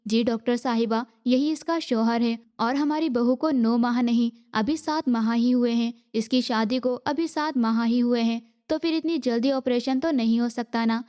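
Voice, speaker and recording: A woman's voice: fairly high pitch, hardly any pauses, dark tone, lightly acted. A woman reading the part of a harsh, scolding mother-in-law in an audiobook. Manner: scolding, angry.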